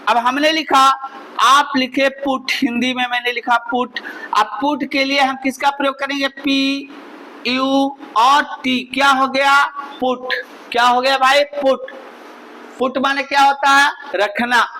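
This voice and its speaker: Man, teacher, slow deliberate pace, very high voice, repeats questions and answers. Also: bright, forceful tone, rough recording. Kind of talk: spoken spelling lesson to a class.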